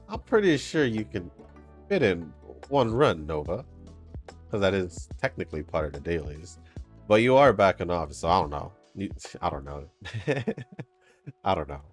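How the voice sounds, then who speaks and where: Low-pitched with big pitch swings, a man speaks a little slowly and pauses often while chatting casually over gameplay on his gaming channel. A stuffy nose colors his voice as he rambles and laughs, with soft game music faintly behind.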